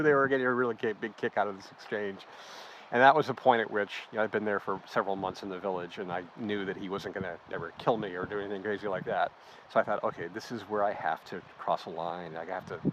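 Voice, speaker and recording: A man telling a lively anecdote in an interview, acting out the voices of the people he quotes. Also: fairly low pitch. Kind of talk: storytelling interview. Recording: dull lo-fi sound with clear background noise.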